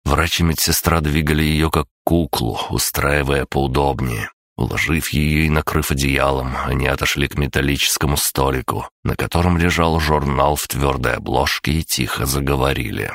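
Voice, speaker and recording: Very deep-voiced male audiobook narrator. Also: vocal fry, no room sound, studio quality. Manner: measured, even first-person telling.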